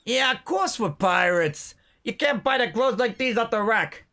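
A man voicing a gruff, washed-up male pirate loafing on a street corner, talking loud and blustery. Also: very high voice, animated, moderate pace, full character voice. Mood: grumbling.

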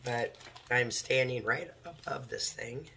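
A man with a hoarse voice from a cold, casually talking through a craft project step by step as he works. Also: mid-range voice, slow, noisy background. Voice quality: gravelly. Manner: talks while working, moving near and far from the mic. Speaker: craft tutorial host.

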